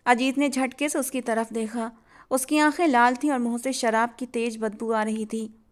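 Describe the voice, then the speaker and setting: A woman narrating a scripted family story in a steady, expressive reading voice. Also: on the high side, moderate pace.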